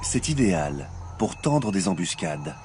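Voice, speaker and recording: A man delivering scripted nature documentary narration in a measured, expository storytelling way. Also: low-pitched, sing-song, darkish tone, a little hiss or hum. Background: music.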